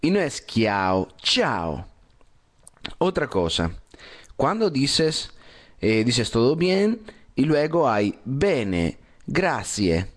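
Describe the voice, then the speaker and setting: A man teaching pronunciation, saying each word slowly and repeating it several times. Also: medium pitch, very animated. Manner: models words slowly and repeats them. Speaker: Italian teacher. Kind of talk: pronunciation lesson.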